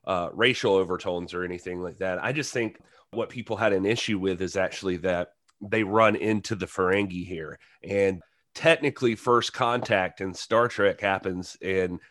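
Podcast co-host dude, animated casual chat, dry mic. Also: male voice, low voice, normal speed, no room sound.

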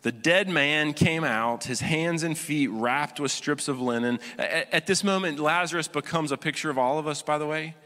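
A male preacher delivering a sermon, moving between loud emphatic stretches and quiet prayerful ones. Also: on the high side, normal speed, hardly any pauses. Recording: long hall reverb.

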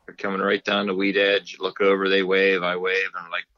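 A middle-aged fishing guide talking on speakerphone in an easygoing, folksy way, chatting casually on a podcast. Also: male voice, low-pitched, completely flat delivery, a little fast, sharp tone, no echo. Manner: easygoing, folksy, laughs often. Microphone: phone on speaker. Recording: dull speakerphone line.

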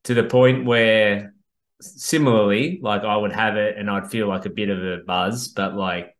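Laid-back aussie bloke chatting on a podcast, understated, lowish voice, roomy echo. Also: male voice, steady tone, normal speed. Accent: Australian. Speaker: podcast host. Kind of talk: casual podcast chat. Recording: roomy, echoey sound.

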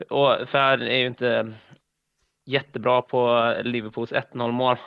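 A man co-hosting a football podcast, analysing calmly and hesitantly over a headset. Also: mid-range voice, vocal fry, smooth, no echo. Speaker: podcast co-host. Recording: dull lo-fi headset sound.

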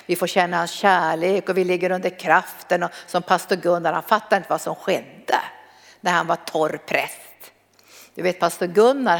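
A middle-aged woman preaching a sermon and teaching a Bible lesson, fervent and storytelling, moving between loud exclamations and soft emphasis. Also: on the low side. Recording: reverberant hall.

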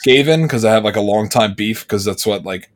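A man's voice: fairly low pitch, fairly quick. A man co-hosting a podcast in casual chat, laid-back and slangy, with some swearing as he answers listener questions. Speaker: podcast co-host.

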